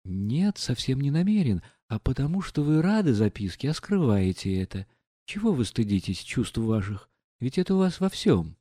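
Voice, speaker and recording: A gentle, naive young prince pleads softly and earnestly in a storybook reading, voiced by a male narrator. His tone sits a little higher than the reader's own, dark and warm, recorded close and dry. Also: big pitch swings, moderate pace, no room sound.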